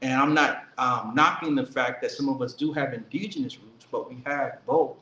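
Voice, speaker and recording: A man giving an earnest political speech, emphatic and slowing down to stress key words. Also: mid-range voice, pushed and bright, lo-fi sound, a little hiss or hum. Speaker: speaker at a commemoration event. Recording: echoey room with faint ambience.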